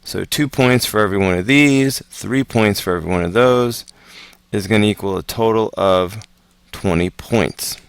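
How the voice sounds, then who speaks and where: A man teaching math homework, talking through word problems in a relaxed, chatty way with asides. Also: lowish voice, vocal fry, smooth, no echo. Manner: relaxed, chatty, slow and deliberate. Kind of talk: casual homework walkthrough.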